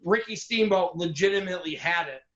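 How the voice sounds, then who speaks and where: Animated, opinionated male co-host, slightly high voice, roomy lo-fi recording. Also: a little fast. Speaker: podcast co-host. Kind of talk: casual chat. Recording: echoey, dull lo-fi sound.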